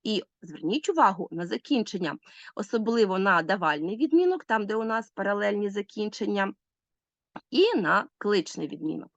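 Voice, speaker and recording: A woman teacher giving a recorded school lesson, speaking clearly and instructively. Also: mid-range voice, moderate pace, no echo, lo-fi sound. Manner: clear, instructive, lively intonation.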